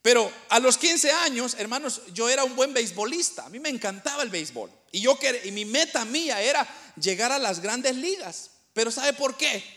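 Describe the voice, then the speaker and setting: A man preaching a sermon as pastor, calling his listeners brothers, emphatic with quick asides. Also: extremely high pitch, animated, bright, forceful tone.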